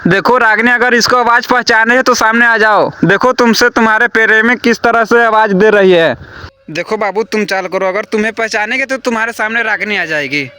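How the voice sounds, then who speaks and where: A man's voice: sits high, brisk, bright, forceful tone, smooth, no echo. A man vlogging a night ghost hunt in an abandoned hut, calling out nervously and pleading with an unseen spirit. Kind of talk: spooky exploration vlog narration.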